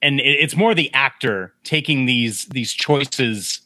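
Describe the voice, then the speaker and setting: A man's voice: mid-range voice, takes it slowly, no echo. A man hosting a casual film discussion podcast, talking animatedly and acting out lines from the film. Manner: animated, acts out quotes in a breathy whisper. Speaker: podcast host.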